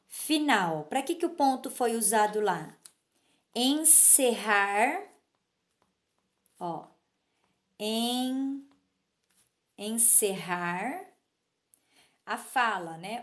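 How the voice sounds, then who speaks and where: A woman teacher explains a literacy lesson patiently and keeps checking whether her pupils understand. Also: mid-range voice.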